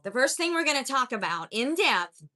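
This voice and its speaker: Woman livestream host, mixed accent, bright and fairly high, earnest encouraging preacher. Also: big pitch swings, moderate pace. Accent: mixed accent from many places. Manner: earnest, encouraging, reads out viewer comments. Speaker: spiritual life coach and live-stream host. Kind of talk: live-stream chat greeting viewers and preaching.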